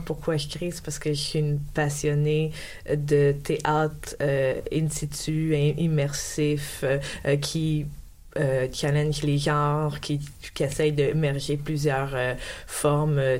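A woman's voice: deep voice, a little mellow. A woman with a Quebec French accent talking casually about her work as an interview guest.

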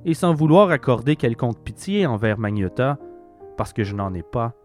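A man with a Québécois accent hosting and narrating a scripted documentary in a measured, reflective storytelling manner. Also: medium pitch, big pitch swings, darkish tone, soft background music. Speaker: host narrator.

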